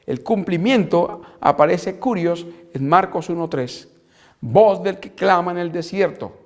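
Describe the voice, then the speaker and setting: A man giving a Bible apologetics lecture as instructor, reading verses aloud and spelling out key terms slowly and deliberately. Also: high voice, animated.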